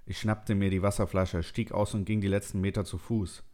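A man with a lowish voice reads a story in first person. He keeps a calm, measured pace through the narration. The reading is steady and even.

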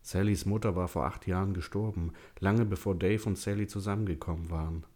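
Deep-voiced male story narrator. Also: fairly even intonation, brisk, darkish tone. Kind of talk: scripted audiobook narration.

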